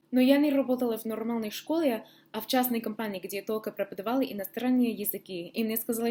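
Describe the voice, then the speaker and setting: An American vlogger whose first language is English delivers a casual monologue in Russian, slightly high-voiced, with wry, deadpan asides. She switches into English at points.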